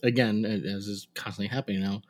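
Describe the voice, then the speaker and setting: A man's voice: lowish voice, steady tone, quick pace. A man co-hosting a podcast in casual chat, somewhat hesitant and repeating short phrases. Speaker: podcast co-host.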